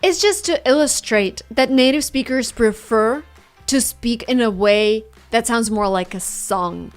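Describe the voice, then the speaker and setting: An English teacher with a Russian accent gives a lesson online, her slightly high voice moving at a measured pace over light background music. She brings example phrases to life with lively, exaggerated intonation.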